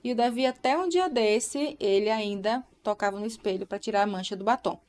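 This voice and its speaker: A woman's voice: on the high side, brisk, a little mellow. A young woman in casual live-stream chat, talking to viewers and checking in with tag questions.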